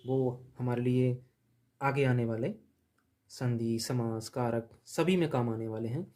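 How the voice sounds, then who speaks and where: Slow, mellow-voiced male teacher. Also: mid-range voice. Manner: slow, drilling, repeats letters aloud. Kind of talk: blackboard grammar lesson.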